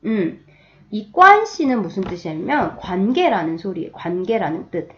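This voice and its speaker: A woman leads a beginner language lesson, modelling each word and then cueing the learners to repeat it. Her delivery is slow and patient, and her pitch rises and falls in a lively way. The recording sounds a little dull and lo-fi. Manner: patient, drills with repeat-after-me cues. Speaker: Chinese language teacher.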